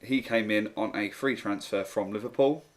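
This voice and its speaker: A man narrating a football management video game, calmly going through his team's signings in a steady, matter-of-fact way. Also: fairly low pitch, moderate pace. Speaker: gaming YouTuber. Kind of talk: game commentary walkthrough.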